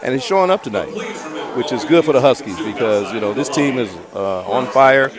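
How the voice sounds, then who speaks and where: A man's voice: mid-range voice, fairly quick. Male color commentator with a noisy crowd. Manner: relaxed, conversational analysis with admiring asides. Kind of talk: live basketball color commentary. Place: college gym. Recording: crowd noise in a gym.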